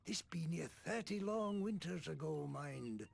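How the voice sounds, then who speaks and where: An actor playing a gruff old sea captain in a video game, a gravelly storyteller spinning grim, rambling yarns. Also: male voice, on the high side, expressive, measured pace, a little mellow, heavily acted. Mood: grim storytelling. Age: older. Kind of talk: video game character acting.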